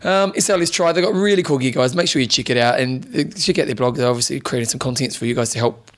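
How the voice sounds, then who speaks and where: Quick-talking man. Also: mid-range voice, fairly bright tone. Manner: informal, matey. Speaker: podcast co-host. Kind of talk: casual sports chat and listener mail.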